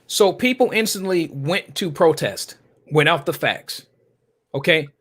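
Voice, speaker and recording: A man's voice: fairly high pitch, animated, a little slow, a bit bright. A man appearing as a guest commentator in a heated political discussion, lecturing point by point and checking in with "okay?" again and again.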